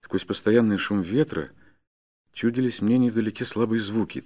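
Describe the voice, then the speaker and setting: A man reading a classic story aloud in a measured, even storytelling manner. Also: lowish voice. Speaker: narrator. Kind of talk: scripted narration of a classic story.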